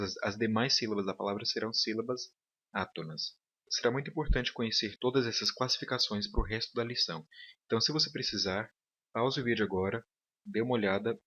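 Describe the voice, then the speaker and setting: A man's voice: fairly low pitch, sharp tone, breathy edge. A man teaching a recorded online lecture, explaining step by step and often checking in with his students. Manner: patient, checks in with "tá bom?". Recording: dull lo-fi audio.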